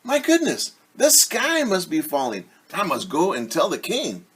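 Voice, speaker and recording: A man's voice: high-pitched, huge pitch swings, unhurried, a bit bright, husky, pitched above the performer's own voice, heavily acted. A man voicing an anxious, easily panicked female hen in a storybook, with worried, exclaiming delivery. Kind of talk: storybook character voice.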